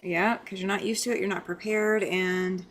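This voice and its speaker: A woman hosting a relaxed late-night livestream, chatting casually, greeting viewers by name and laughing often. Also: mid-range voice, normal speed, slight background noise. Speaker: livestream host.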